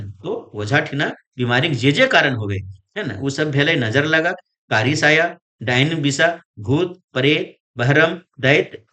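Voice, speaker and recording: A man's voice: a little high, bright, forceful tone. A male teacher with a Jharkhand Khortha-inflected Hindi accent, giving an exam-prep lecture. He repeats each phrase and keeps asking "है ना?" to check that students follow.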